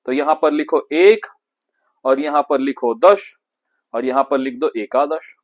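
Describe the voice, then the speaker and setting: A male Sanskrit teacher with a Hindi accent, reciting numbers slowly and carefully so students can copy his pronunciation. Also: fairly high pitch, dull audio. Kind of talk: classroom lesson.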